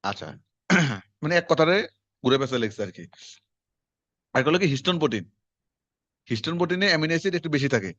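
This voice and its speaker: Fast-talking male teacher quizzing students. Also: fairly high pitch, expressive, a bit bright, no echo. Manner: quick, conversational, quizzing students. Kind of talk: classroom lecture. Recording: dull lo-fi classroom recording.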